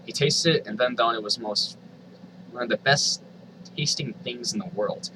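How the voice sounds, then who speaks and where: Reading online fan fiction with dramatic flair, this man speaks at a medium pitch and normal speed against a noisy background. His asides are exasperated and sardonic, and he swears without restraint.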